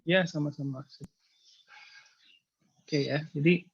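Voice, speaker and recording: A male lecturer giving casual thesis advice in an online seminar, explaining patiently with many hesitant filler pauses. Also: on the high side, steady tone, creaky, breathy edge, dry recording, lo-fi sound. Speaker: university lecturer.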